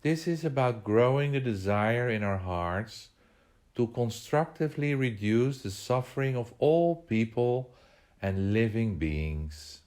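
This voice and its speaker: A man with a mid-range, slightly mellow voice and lively intonation leads listeners through a meditation. He gives measured instructions in short phrases, leaving pauses between them.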